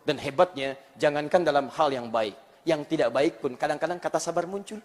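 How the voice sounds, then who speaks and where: Lively joking male preacher in echoing hall. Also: on the high side, brisk. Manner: animated and joking, acts out everyday quotes; quotes Arabic verses and hadith. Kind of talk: live sermon to a congregation. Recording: long hall reverb.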